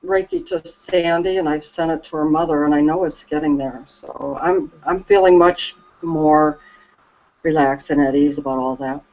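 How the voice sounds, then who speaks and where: A woman talking slowly and reflectively about her calm as a Reiki practitioner, soft and hesitant with many pauses and restarts. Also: sits low. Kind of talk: slow reflective conversation. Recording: dull lo-fi recording.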